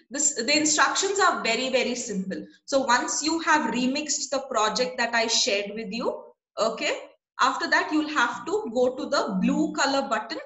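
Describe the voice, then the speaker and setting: A woman leads an online class over a video call, patient and checking in often with her students. Her voice is high and bright. It sounds like she's in an echoey room. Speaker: teacher.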